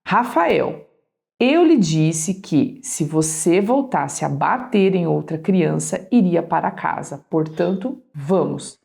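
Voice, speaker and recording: A woman's voice: fairly low pitch, lively intonation, slow pace, vocal fry, a little mellow, full character voice. A woman voicing a father at the park who warns his son firmly and then gives in, reading from a parenting book. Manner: firm, then weary.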